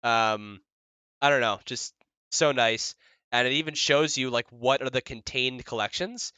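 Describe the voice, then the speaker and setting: Bright, clear-voiced joking man. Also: mid-range voice, measured pace, no echo. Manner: joking, self-mocking, laughs often; chatty with many fillers and restarts. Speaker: developer presenting his project. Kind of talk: casual livestream demo.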